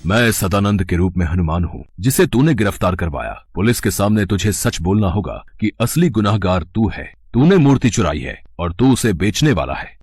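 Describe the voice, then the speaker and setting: A man voicing a calm, benevolent divine monkey god who speaks solemnly and reassuringly. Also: sits low, normal speed, few pauses, husky, exaggerated voice. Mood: stern.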